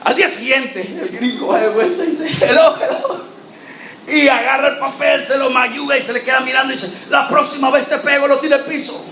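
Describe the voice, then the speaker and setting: Un pastor que predica contando una historia con viveza, haciendo las voces de los personajes y alzando la voz a menudo. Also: male voice, very high-pitched, fast talker, few pauses, a little hiss or hum. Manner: lively storyteller, acting out voices, often shouting. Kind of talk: sermon storytelling. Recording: echoey church hall with faint ambience.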